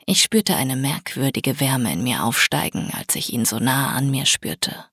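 Husky woman narrating an audiobook. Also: a bass voice, lively intonation, unhurried, fairly bright tone, no room sound, clean studio sound. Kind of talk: scripted first-person narration.

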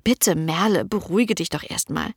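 Woman playing a calm young noblewoman. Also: lowish voice, normal speed, vocal fry, husky, dry recording, studio quality. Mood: calm reassuring. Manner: calm, reassuring.

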